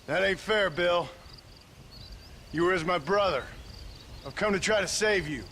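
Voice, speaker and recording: An actor playing a determined former outlaw in a western video game, earnestly pleading with an old comrade. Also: male voice, sits high, unhurried, pushed and bright, slight background noise, heavily acted.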